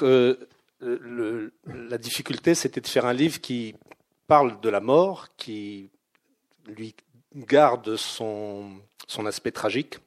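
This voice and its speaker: A man, the book's author, answering an interview question hesitantly, with many pauses and restarts. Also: on the low side. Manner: hesitant, lots of ums and restarts.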